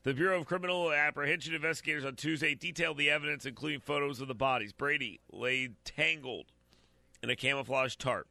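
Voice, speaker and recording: A man's voice: on the high side, fast, creaky, bright, forceful tone, no room sound. A man giving blunt, opinionated commentary while reading out a news story, talking straight to his audience and stumbling over repeated words.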